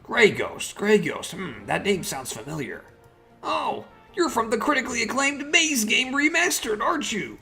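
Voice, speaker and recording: A man's voice: fairly high pitch, very animated, a little slow, vocal fry, few pauses, over music, exaggerated voice. Man acting starstruck, gushing young gamer fan. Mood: curious recognition. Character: starstruck young gamer fan, excitable Let's Player character. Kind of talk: reading game dialogue aloud in character.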